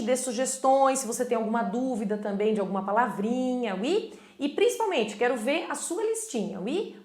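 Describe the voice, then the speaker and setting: Lively-voiced woman teaching French. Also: sits high, roomy sound. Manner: slow, careful French pronunciation drills, then tag questions. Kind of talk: vocabulary lesson in Portuguese.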